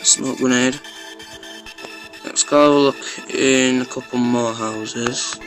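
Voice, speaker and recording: A man giving chatty, excitable gameplay commentary to his viewers. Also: medium pitch, slow, soft background music, rough recording. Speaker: gamer.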